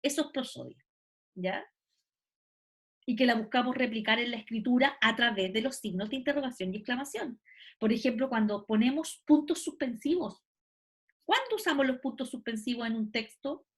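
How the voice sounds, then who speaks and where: A woman, voice sitting a bit high, lectures a class over a video call. She explains step by step and keeps checking that her students follow along. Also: lively intonation, moderate pace. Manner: explanatory, checks understanding with "¿cierto?" and "¿ya?". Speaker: teacher.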